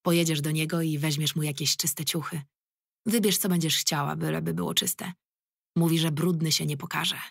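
A woman voicing a weary gruff police commander. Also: sits low, fairly even intonation, moderate pace, no room sound, studio quality, full character voice. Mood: firm, weary. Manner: firm, tired and plain-spoken. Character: weary middle-aged male police commander, gruff but fatherly.

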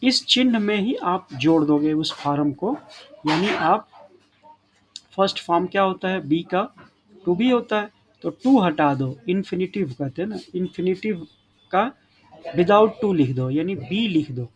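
A man's voice: high voice, animated, a little slow, lo-fi sound. A man teaching English grammar in a classroom style lesson, often stopping to check that his students follow. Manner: addresses students as children, frequent checking tags.

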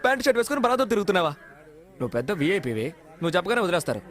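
An actor playing a cheeky young con man in dubbed film dialogue, quick-witted and mocking. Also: high voice, big pitch swings. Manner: mocking, quick-witted, fake tearful pleas.

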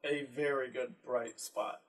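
A man co-hosting a casual chat, agreeable and quick to back the other speaker up. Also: medium pitch, steady tone, distant mic, a little hiss or hum, rough recording. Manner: agreeable, frequent short yeses. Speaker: co-host.

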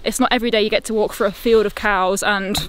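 An enthusiastic, chatty travel vlogger from Nottingham, England, talks casually to the camera while walking outdoors in open countryside. Her medium-pitched voice moves fast with fairly even intonation, and there's slight background noise.

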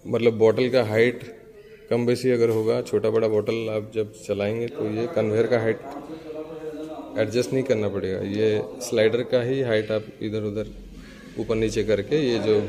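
Filming on a handheld phone as he walks, a machine maker's representative from India guides the viewer through a large indoor bottling plant one machine at a time. He has a fairly low, dark-toned voice and an explanatory manner, pointing out each step in turn.

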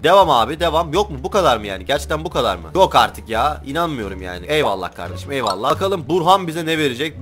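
A man giving fast, heated play-by-play commentary on in-game trades, teasing and trash-talking the other players. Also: mid-range voice, a bit bright. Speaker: gaming YouTuber.

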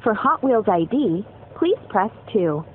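A woman's recorded phone menu message, a polite, measured scripted announcement for a customer service line. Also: medium pitch, big pitch swings. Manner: polite, measured, evenly paced. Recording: tinny phone line with faint hiss.

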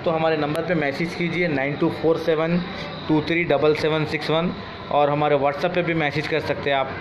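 A man's voice: fairly high pitch, level tone, moderate pace. Man selling in an echoey, noisy room. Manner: repetitive, instructive sales patter. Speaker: shopkeeper and seller of household goods. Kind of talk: informal product demonstration for social media. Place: small indoor shop room with shelves of crockery. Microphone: phone camera a short distance away. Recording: muffled, noisy, echoey phone video.

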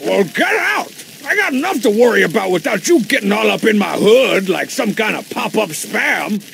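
A hot-headed cartoon wrestler, super gravelly, voice swoops all over, showoff type. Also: male voice, high voice, sing-song, normal speed, fairly bright tone, soft background music, full character voice. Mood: irritated. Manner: brash, theatrical, exasperated. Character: short-tempered, boastful masked cartoon wrestler man. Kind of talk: cartoon voice acting.

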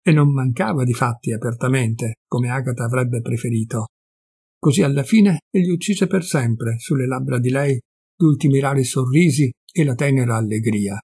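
A man reading a classic story aloud as an audiobook, in a measured, expressive way. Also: medium pitch, breathy edge, no room sound, studio quality. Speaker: audiobook reader. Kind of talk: literary reading.

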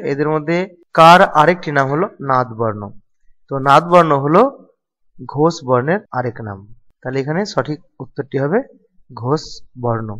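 A man's voice: fairly high pitch, a bit bright, in a large hall, muffled recording. A man teaching an exam-prep grammar lesson, explaining step by step and repeating key terms.

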